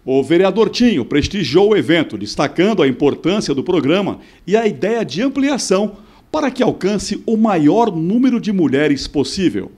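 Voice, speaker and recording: A man's voice: sits high, big pitch swings, normal speed, darkish tone. A man reading a scripted news voice-over as the reporter. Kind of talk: news narration.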